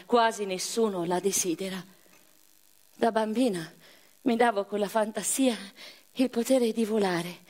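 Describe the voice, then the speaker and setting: Here the actress's natural voice sits in the mid range, bitter and defiant. She portrays an unrepentant, proud revolutionary woman facing execution from her prison cell, delivering a literary radio-theatre monologue slowly and with purposeful pauses.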